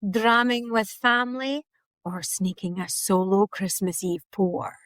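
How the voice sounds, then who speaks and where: A woman co-hosts a podcast in easy casual chat, playful and quick to laugh as she fires off questions. Her voice sits in a middle register and sounds close and dry, with no room around it. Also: medium pitch, fairly bright tone, no echo. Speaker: podcast co-host.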